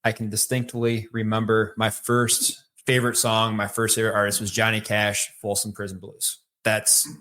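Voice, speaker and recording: A man with a Michigan accent, a podcast guest telling his life story in a relaxed, rambling way with many fillers. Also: on the low side, normal speed, hardly any pauses. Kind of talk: casual storytelling conversation.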